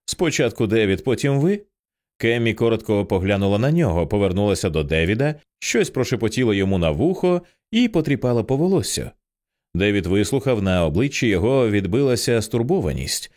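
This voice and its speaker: A male narrator reads a thriller audiobook with expressive, tense delivery. His voice is on the low side. His pitch moves a great deal from phrase to phrase. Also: a little fast.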